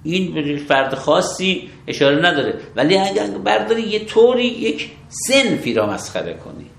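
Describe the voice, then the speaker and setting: A man, a religious law scholar, explaining rulings step by step in an interview, measured and methodical. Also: sits high, big pitch swings, vocal fry, reverberant. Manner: measured, methodical, affirms with short approvals.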